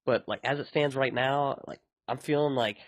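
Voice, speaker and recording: Man, podcast host, medium pitch, casual rambling delivery, dry recording. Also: normal speed, no room sound. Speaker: podcast host and indie game developer.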